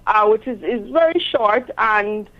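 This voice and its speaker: A woman's voice: mid-range voice, expressive, measured pace, fairly bright tone, muffled recording. A woman talking conversationally as an interview guest about her own work. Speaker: interview guest, self-published author.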